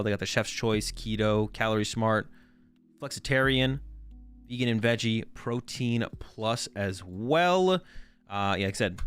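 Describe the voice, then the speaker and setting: A young man with a smooth, clean voice of ordinary middle pitch, talking loosely to his stream audience. He keeps it casual and slangy, pokes fun at himself, and drifts through tangents. Soft music hums faintly behind him. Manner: laid-back, joking, slangy with dude and bro; rambling, self-mocking sponsor read. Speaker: card game streamer. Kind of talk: casual live-stream chat.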